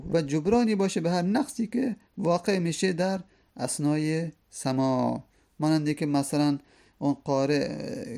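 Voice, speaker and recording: A man teaching a lesson, who reads classical verses slowly and then explains them at length. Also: fairly high pitch, vocal fry, mellow. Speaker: teacher of hadith studies.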